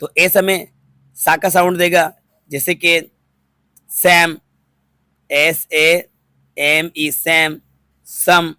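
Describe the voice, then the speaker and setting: Slow, patient male English teacher. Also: on the high side, little pitch movement, bright, forceful tone, smooth, no echo, clean studio sound. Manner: patient, spells out letters one by one and repeats words. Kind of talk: phonics lesson for students.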